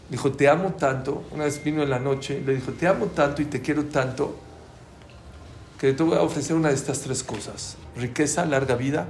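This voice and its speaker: A man teaching a Talmud class to a live audience, lively and quizzing listeners with questions. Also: medium pitch, a little hiss or hum. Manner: animated, asks the audience questions. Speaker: Torah teacher. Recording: roomy room with faint ambience.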